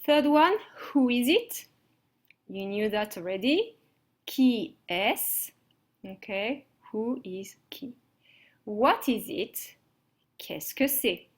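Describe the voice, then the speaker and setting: A woman's voice: on the high side, lively intonation, slow pace, pauses often. A woman teaching a language lesson from slides, explaining step by step and checking understanding with "okay?". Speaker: French teacher.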